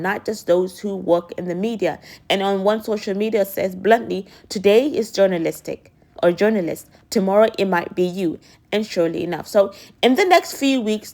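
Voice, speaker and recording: Raspy-voiced woman hosting news commentary. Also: mid-range voice, darkish tone. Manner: earnest, emphatic delivery with occasional slips and restarts. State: hoarse. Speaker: host of an immigration news channel. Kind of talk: news commentary reading out reactions.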